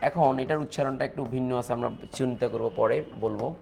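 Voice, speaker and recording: A man's voice: medium pitch, gravelly, a little mellow, faint music behind. A man with a Bangladeshi accent teaching a chemistry lecture, repeating key points and mixing in English phrases. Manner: fast, repetitive teaching talk with English mixed in.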